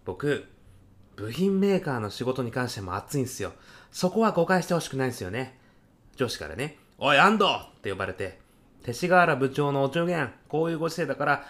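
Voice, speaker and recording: In a comic radio drama, a man with a slightly high, somewhat bright voice plays an earnest, overzealous young salesman who moonlights as a food courier. He speaks in an eager, casual-polite salaryman style.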